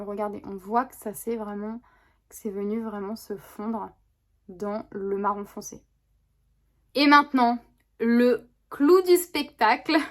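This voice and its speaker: A woman talking casually through a makeup tutorial, chatty and rambling with many fillers and restarts. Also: medium pitch. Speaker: beauty vlogger. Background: neighbor's lawnmower.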